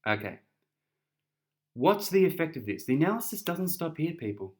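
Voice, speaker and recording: A man's voice: a little high, very animated, moderate pace. A young man with an Australian accent explains an essay in a chatty, casual tutoring style, often repeating words and restarting.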